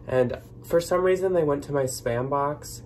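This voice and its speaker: A man's voice: on the high side, normal speed, a little mellow, a little hiss or hum. A man in his twenties with an American accent, hosting in a casual, chatty vlog style. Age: 20s. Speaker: host. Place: small plain room indoors.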